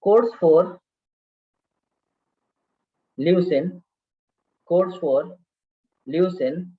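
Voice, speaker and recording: A man's voice: high-pitched, extremely slow. Echoey distant male teacher lecturing. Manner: repeats terms and keeps checking understanding. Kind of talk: classroom lecture. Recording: distant, echoey, dull-sounding classroom recording.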